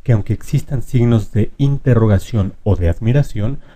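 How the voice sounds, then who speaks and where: A man teaching a grammar lesson, explaining rules clearly and reading his example sentences out slowly. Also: on the low side, warm tone.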